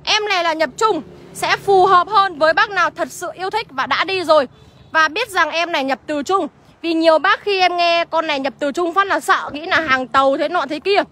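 A woman's voice: very high voice, fairly quick, sharp tone. A woman with a Northern Vietnamese accent livestreaming from a used car lot, chattily rattling off car features and prices. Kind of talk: livestream sales pitch.

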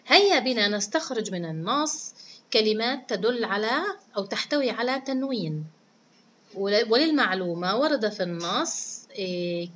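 Woman teacher, encouraging, slow syllable drills, higher voice, dull lo-fi recording. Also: a bit bright, a little hiss or hum. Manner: encouraging, praises often, stretches words out syllable by syllable. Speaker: primary school teacher. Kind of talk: reading lesson for children.

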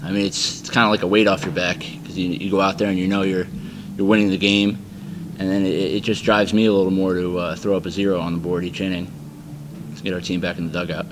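Young male pitcher, deep and flat, quick and modest, table mic. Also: noisy background. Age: young adult. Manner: plain, fast, modest. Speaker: college baseball pitcher. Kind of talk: postgame press conference. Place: press conference room. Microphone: table microphone.

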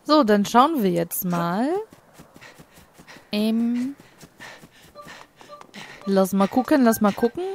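A woman's voice: on the high side, animated, slow pace, gravelly, pauses often, slight background noise. A woman casually commenting on her own gameplay. She thinks aloud, laughs a lot and makes wry, teasing remarks. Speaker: let's play host.

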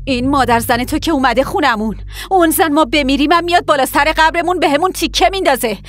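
A woman's voice: sits high, close to an everyday voice. A woman voicing a fierce mother who berates and threatens her grown son in a dubbed TV drama. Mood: furious scolding.

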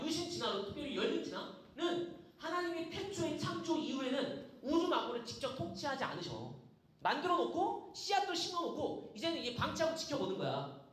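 A man's voice: very high voice, slight background noise. A male pastor giving a sermon lecture, talking informally and asking rhetorical questions. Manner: lively, asks rhetorical questions, informal speech to the congregation. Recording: echoey room.

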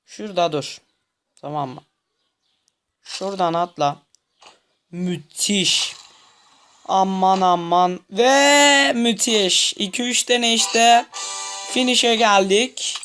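A man's voice: on the high side, a bit bright, a little hiss or hum. A young man commenting on a game he is playing, muttering to himself, tense and easily frustrated. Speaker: gameplay commentator. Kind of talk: gameplay commentary.

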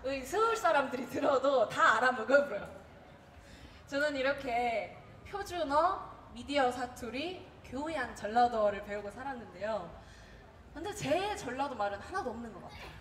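A young woman from Gwangju tells a comic story in a thick Jeolla accent, her voice high and lively. She chats with the crowd and acts out little exchanges. The recording rings with the echo of a big hall, and faint sound is heard underneath. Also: normal speed, a little hiss or hum. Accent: Jeolla dialect. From Gwangju, Korea. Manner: lively, chatty, acts out quotes. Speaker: dialect contest speaker. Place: large echoey hall.

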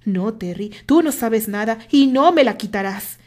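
A woman's voice: on the high side, expressive, a little slow. Woman voicing Richard, a firm, mocking rival. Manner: firm, cutting delivery. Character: self-assured man, firm and mocking rival.

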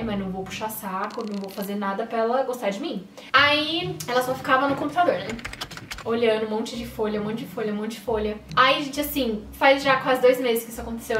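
A young Brazilian woman vlogging about her own experience, chatty and animated, often turning to her viewers. Her voice sits fairly high and sounds a little distant from the mic in an echoey room. A faint hum of ambience stays underneath her. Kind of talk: casual storytelling to viewers.

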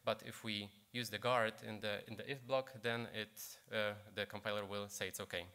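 A man in his thirties giving a technical lightning talk on stage, halting and hesitant as he searches for words. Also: lowish voice, flat delivery, bright, forceful tone, smooth. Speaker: conference speaker, programmer. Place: conference stage in a hall.

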